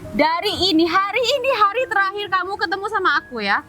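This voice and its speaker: A woman's voice: extremely high pitch, animated, quick pace, sharp tone, exaggerated voice, rough recording. An actress playing an arrogant, scornful young woman who sneers at her ex-boyfriend in a web drama, recorded outdoors. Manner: sneering, scolding, dismissive. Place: outdoors in a public place.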